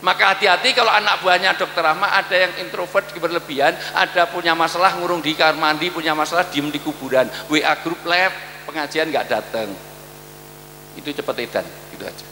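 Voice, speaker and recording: A preacher gives a humorous sermon to hospital staff, joking animatedly and acting out scenes, including angry shouting. His voice is on the high side and a little fast. The echoey hall adds long reverb, with a little hiss or hum.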